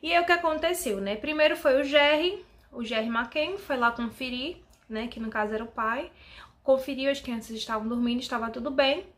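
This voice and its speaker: A woman's voice: high voice, brisk, fairly bright tone. A woman hosting her own channel, telling a true-crime case in a casual, chatty way and checking in with viewers often. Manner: chatty, addresses viewers directly with frequent "tá?" and "né?". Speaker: YouTube channel host.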